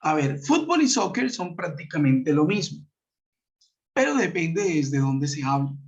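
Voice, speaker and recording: Over a video call, a man with a Colombian Spanish accent, an English teacher, walks students through a lesson unhurriedly and patiently. His somewhat high voice swings widely in pitch, peppered with fillers, hesitations and checking tag questions, all through a muffled, lo-fi computer mic.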